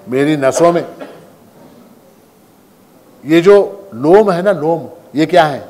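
A man preaching a sermon, asking his listeners questions and answering them himself. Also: on the high side. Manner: animated, asks the audience questions and answers them. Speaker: spiritual teacher. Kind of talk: Hindi sermon with storytelling and Sanskrit chant. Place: large hall at a religious festival. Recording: echoing hall, faint background noise.

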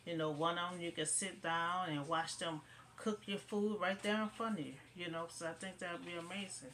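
In this casual to-camera commentary, a middle-aged woman discusses local news from her bedroom via the webcam before her, wandering off topic and leaning on "you know." Her voice is on the low side, steady and a bit bright, and she talks briskly over slight background noise.

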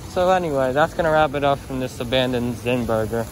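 A teen vlogger strolls through a mall at night, phone held at arm's length, speaking in a brisk mid-range voice. He rambles loosely with lots of fillers and cheerful sign-offs, and a steady outdoor hum sits under him.

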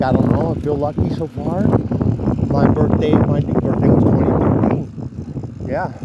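A man in his fifties vlogging from his bicycle in the rain, talking into his phone in an earnest, rough-spoken ramble full of restarts. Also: on the high side. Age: 50s. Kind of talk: rambling religious talk to camera. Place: outdoors, riding a bicycle in the rain. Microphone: phone held while riding. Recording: wind noise and rain hitting the phone mic.

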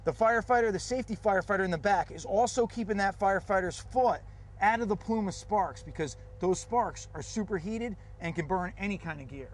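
A man with a high-leaning voice walks through a hands-on fire drill outdoors. His delivery is practical and methodical, laying out each step of the technique. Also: a little fast. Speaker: fire service instructor. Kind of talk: instructional demonstration.

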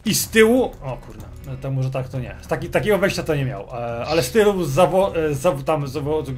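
A man's voice: fairly high pitch, animated, brisk, darkish tone, faint music behind. A man acting as game master, casually describing the scene to his players in the second person, loose and hesitant. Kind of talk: casual narration of a tabletop role-playing game.

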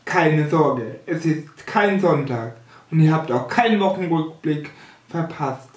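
A man in his thirties making a casual announcement to camera as a video host, measured and hesitant, recorded in a small room from a distance. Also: a little high, expressive. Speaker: YouTube host of a pipe smokers' channel. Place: small furnished room indoors. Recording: roomy echo, distant microphone.

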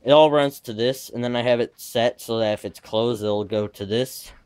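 On a handheld camera, a teen boy rambles casually through a tour of his bedroom gaming setup, offhand and wandering, correcting himself in asides as he goes. His voice is medium in pitch, smooth and darkish, at a normal speed, with a slight lisp from his retainer.

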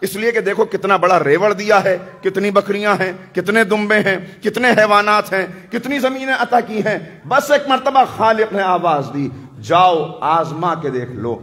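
A man preaching a majlis sermon, telling stories dramatically and swinging from hushed lines to loud ones. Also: high-pitched, moderate pace, hardly any pauses. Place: religious gathering hall.

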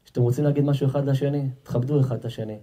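Dark-voiced rabbi giving an emphatic sermon. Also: male voice, medium pitch, fairly even intonation. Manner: emphatic, repeats himself, talks directly to the audience. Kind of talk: sermon at a house-warming gathering. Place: home gathering with an audience.

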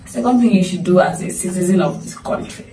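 A woman's voice: fairly low pitch, brisk, roomy sound, distant mic, noisy background. A Nigerian woman with a Nigerian accent, earnestly urging her listeners in a motivational talk, pleading and repeating herself for emphasis. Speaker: vlogger.

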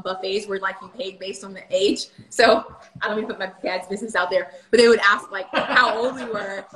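Livestreaming from her home kitchen, a thirtysomething woman vlogger casually responds to viewer questions, filler words everywhere. Her voice is mid-range and a bit bright. The recording, made on a phone camera at the table, is low quality with an echoey room.

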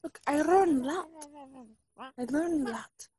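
Lady doing a high-pitched fake russian spy lady, broken english, whispery, keeps begging mama on the phone. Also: unhurried, a crowd in the background. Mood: pleading. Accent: put-on Russian. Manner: pleading with her mother over the phone, repeating herself. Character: self-styled fake Russian spy woman, earnest and pleading. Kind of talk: comedy character sketch.

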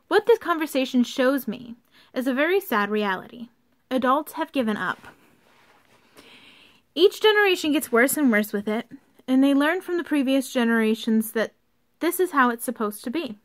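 A young woman giving an earnest, somewhat halting rant to camera from a basement, partly reading from her notes. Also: high-pitched, lively intonation. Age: young adult. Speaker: vlogger. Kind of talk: informal video rant, partly read from notes. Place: unfinished basement used for storing workout equipment.

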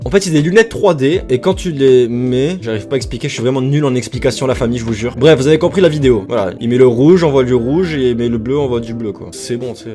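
A young man reacting to videos in a casual, jokey, excitable way as a YouTube host, speaking straight to his viewers. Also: medium pitch. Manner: excitable, jokey, talks to viewers as "les gars".

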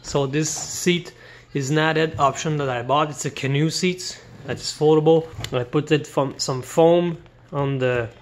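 A man whose first language is not English, casually walking through a kayak he holds the camera over, talking haltingly with many fillers and restarts. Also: on the high side, fairly even intonation. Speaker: kayak reviewer. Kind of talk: casual product walkthrough. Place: indoors beside a kayak, camera in hand.

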